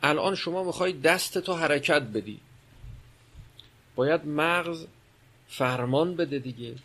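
A man's voice: on the high side, a bit bright. A man giving a religious lecture, explaining and posing rhetorical questions. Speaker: religious speaker.

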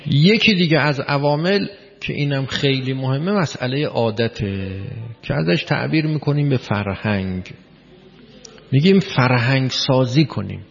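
A man's voice: mid-range voice, animated, creaky, soft background music. A man giving a spoken lecture, explaining step by step, repeating key words and putting questions to his listeners. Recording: long hall reverb, dull lo-fi sound.

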